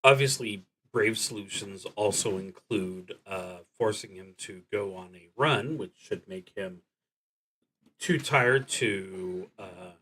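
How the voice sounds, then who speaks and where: Thinking out loud while streaming a solo tabletop RPG, a man reads prompts in a deliberate, stop-start way with lengthy pauses. His voice is lowish and fairly bright with a breathy edge. The recording quality is poor.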